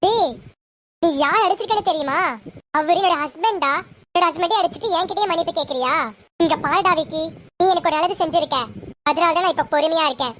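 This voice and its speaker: A woman's voice: very high-pitched, fast, a little hiss or hum. A young woman voicing a scheming woman boss who scolds her henchman. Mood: scolding. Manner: sharp, scolding.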